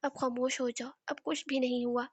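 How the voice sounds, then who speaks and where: A gentle, affectionate mother's voice, read by a woman narrator, high and level in pitch. She speaks softly and soothingly, like calming a small child, in a dry close recording. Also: slightly rough, no echo. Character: tender middle-aged mother comforting a frightened girl.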